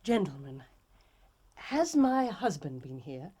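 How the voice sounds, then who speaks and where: A woman's voice: low voice, sing-song, takes it slowly, warm tone, husky, full character voice. An actress playing a proud, anxious young aristocratic English lady in a period drama, formal and emphatic in her upper-class accent. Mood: composed. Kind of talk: British period drama acting.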